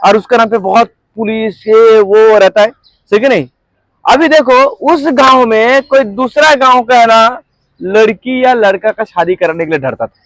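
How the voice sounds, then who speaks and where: A man runs a sales training seminar in a strikingly high voice. He keeps firing questions at the room and waits for the crowd to answer back. The sound is dry, with no room echo. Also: measured pace, a bit bright. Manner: quizzes the audience constantly, asks for call-and-response. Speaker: network marketing trainer. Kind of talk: interactive seminar talk. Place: training room with a group audience.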